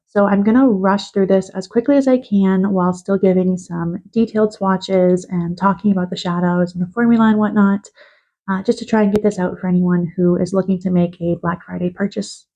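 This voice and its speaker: Slightly winded woman, gravelly low-key voice. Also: fairly even intonation, dark tone, poor audio. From Canada. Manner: hurried, listing color shifts one by one. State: a little winded from being sick. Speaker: beauty reviewer. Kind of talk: quick product review.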